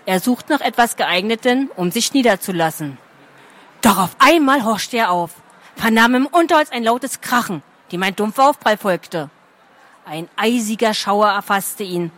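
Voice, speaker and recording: A woman reading a fantasy story aloud at a steady, expressive pace. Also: mid-range voice, normal speed. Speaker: narrator.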